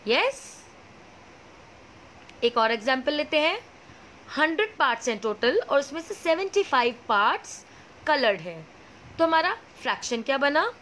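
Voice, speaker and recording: Lively high-voiced woman teaching maths. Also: slight background noise, low-quality recording. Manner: asks questions and answers them herself; slow, clear explaining with many checks like "okay?". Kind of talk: classroom lesson.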